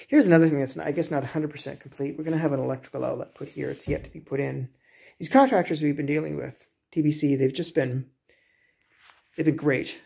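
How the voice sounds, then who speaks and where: Holding his phone for a selfie shot before walking around, a homeowner in his thirties vlogs a loose, meandering tour of his kitchen. His voice is fairly high with vocal fry, and he keeps restarting sentences and using fillers.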